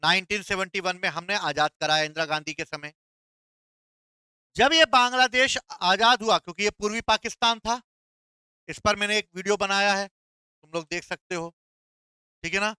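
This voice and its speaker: A man's voice: high-pitched, moderate pace, pauses often, sharp tone, clean tone, no echo. A male teacher giving a classroom lecture, playful and quizzing his students with call-and-response questions.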